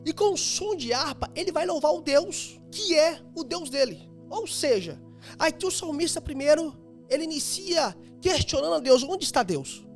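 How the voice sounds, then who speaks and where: A man preaching a sermon, repeating phrases with emphasis and sometimes dropping to a hushed voice. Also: very high voice, animated, moderate pace, soft background music. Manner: repetitive, emphatic preaching with soft hushed stretches.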